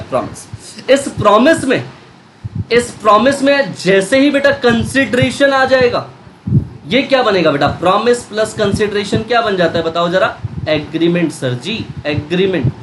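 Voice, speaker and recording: A man teaching a commerce class, who keeps quizzing his students with repeated questions and addressing them fondly. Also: high-pitched. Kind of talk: Hindi-English lecture. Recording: noisy recording with clicks.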